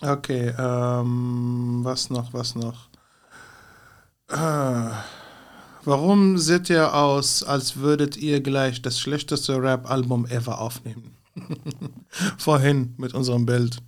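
A man's voice: medium pitch, fairly even intonation, slow. A young man, a stand-up comedian, chatting casually and teasing his co-host, with hesitant fillers. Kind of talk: casual podcast chat.

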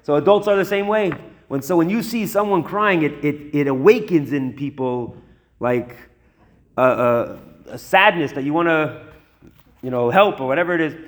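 A high-voiced man tells a religious teaching story in an animated, conversational way. He drifts into chatty asides and often repeats words as he gathers his thoughts. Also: normal speed. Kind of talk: storytelling lesson.

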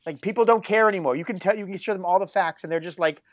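A man's voice: sits high, quick pace, no echo, dull audio. A man co-hosting a casual panel chat, talking in a heated, profane way and laughing often. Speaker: podcast co-host.

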